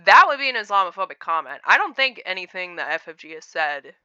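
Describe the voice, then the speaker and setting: A woman delivers casual reaction commentary in a bright, crisp voice. She rambles and digresses as she shares her opinions. The recording is dry and slightly dull, with a lo-fi quality. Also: fairly low pitch, very animated, quick pace, no room sound.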